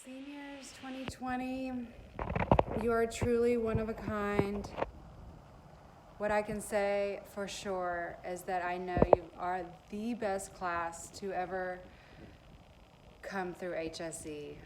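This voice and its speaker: A woman's voice: medium pitch, fairly even intonation, takes it slowly, heavy background noise. A woman teacher giving a heartfelt, emotional recorded message to her graduating class.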